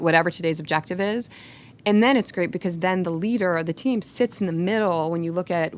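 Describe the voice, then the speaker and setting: A woman's voice: fairly low pitch, a little hiss or hum. A woman guest on a company podcast, talking upbeat and casual and laughing often. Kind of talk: casual interview talk.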